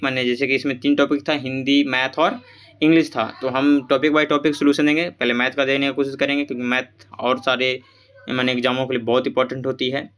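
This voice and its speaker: A man's voice: mid-range voice, a bit bright, clear, resonant tone. A man going through exam questions as a tutor, asking each answer back as a question, repeating it and mixing English terms into his explanations.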